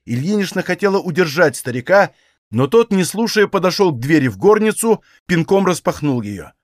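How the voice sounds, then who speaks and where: A man calmly reading a literary novel aloud as an audiobook narrator. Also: high-pitched, moderate pace, dry recording, studio quality.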